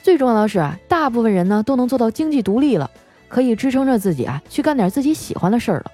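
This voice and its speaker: A woman radio host telling comic stories about her family, chatty, with drawn-out particles and frequent laughs. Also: a little high, big pitch swings, warm tone. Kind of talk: comic storytelling monologue. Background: faint background music.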